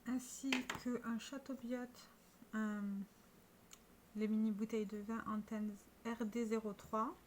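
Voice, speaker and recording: Woman chatting thru her makeup stuff, kinda high voice, little background hiss. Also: level tone, takes it slowly. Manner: chatty, showing products to camera with small restarts. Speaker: beauty vlogger. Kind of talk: casual makeup vlog.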